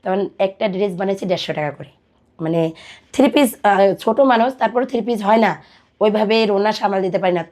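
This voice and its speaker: There is background music under this recording of a woman in her twenties from Dinajpur, Bangladesh. Her mid-range voice is fairly quick and darkish in tone as she chats on a podcast about her own life, including things people told her.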